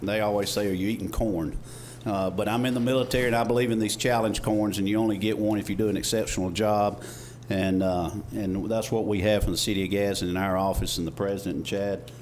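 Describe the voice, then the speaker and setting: A man's voice: on the low side, flat delivery, fast, a little mellow. A middle-aged man with a Southern US accent giving an informal, folksy thank-you speech at a podium microphone, with slightly off R sounds. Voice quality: trouble pronouncing R's. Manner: folksy, conversational. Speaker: mayor. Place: indoor council chamber. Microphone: podium gooseneck microphone. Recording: clear background noise, room ambience.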